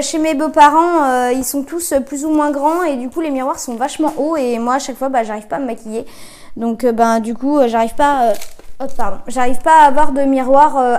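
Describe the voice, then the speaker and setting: Woman, high voice, casual haul vlogger; hesitant, filler-heavy, self-correcting delivery; phone-camera sound. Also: a little mellow. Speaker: vlogger reviewing discount-store buys. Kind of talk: casual chatty product haul.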